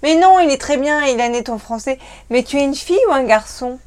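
Speaking in a high-pitched, darkish voice with lively intonation, a wine-tipsy French woman co-hosts a casual livestream chat. She laughs a lot and rattles on fast.

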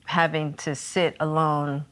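A woman hosting a casual talk show, affirming and expressive with her guests. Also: low voice, takes it slowly. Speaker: host. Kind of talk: casual chat.

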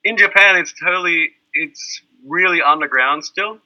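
A man's voice: fairly high pitch, moderate pace, dull audio, crowd noise. An Australian man chatting casually, rambling through lists with plenty of fillers. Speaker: skateboarding teacher in Japan. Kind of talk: casual chat.

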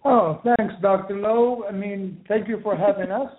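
High-pitched man with a North African accent. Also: fairly even intonation, measured pace. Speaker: guest chef. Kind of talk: casual radio interview. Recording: tinny phone-like line.

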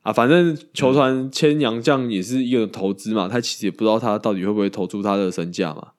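A man, co-hosting a casual baseball podcast, animated and quick to laugh and swear. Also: on the low side. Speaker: podcast co-host.

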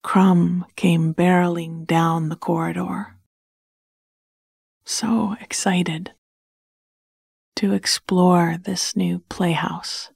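A woman narrating a bedtime story in a soft, hushed, soothing whisper close to the mic. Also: lowish voice, gravelly, breathy edge, no echo.

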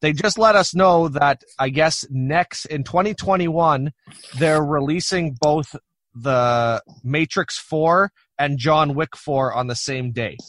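A man's voice: a little high, slow, a bit bright, no echo. A man hosting a podcast in a casual, conversational interview style. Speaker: podcast host.

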